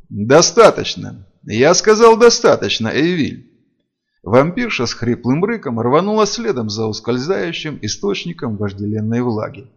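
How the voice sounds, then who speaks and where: Man, fantasy audiobook narration, gravelly, lively pitch, dull lo-fi recording. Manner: expressive, dramatic.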